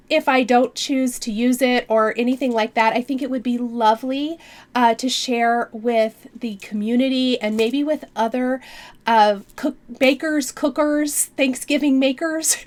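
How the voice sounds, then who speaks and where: Friendly woman, nasal from a cold, higher voice, casual vlog chatter. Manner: chatty, friendly, many fillers. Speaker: cross stitch vlogger. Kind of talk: casual chat to camera.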